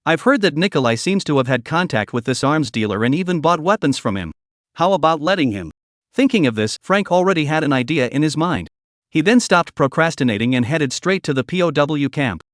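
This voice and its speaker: A man narrating a dramatic recap story in a scripted, animated reading style. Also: on the high side, fairly quick, no room sound, clean studio sound.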